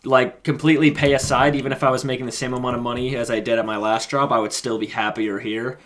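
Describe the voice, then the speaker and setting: A man's voice: medium pitch, flat delivery, fast, fairly bright tone. A man in his twenties co-hosting a podcast, telling personal stories in a blunt, slangy, casual way. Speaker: podcast co-host. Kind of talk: casual chat and personal anecdotes.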